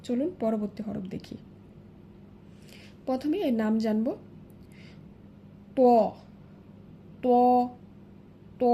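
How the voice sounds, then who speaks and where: A woman teaching Arabic letters in a slow, step-by-step lesson, patiently repeating each sound several times. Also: on the high side, dark tone, a little hiss or hum.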